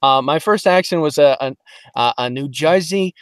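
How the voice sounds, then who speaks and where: A voiceover actor guesting on a podcast, chatting casually and playfully, now and then dropping into character accents. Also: male voice, fairly high pitch, normal speed, a bit bright, smooth, no echo, clean studio sound. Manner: playful, slips into character accents mid-story.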